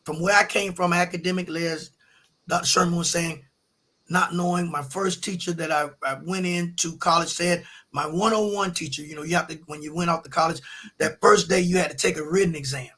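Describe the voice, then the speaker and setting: A middle-aged man telling a story in a colloquial, animated way, often acting out the people he quotes. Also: a little high, fairly quick, slightly rough. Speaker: podcast guest. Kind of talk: casual storytelling.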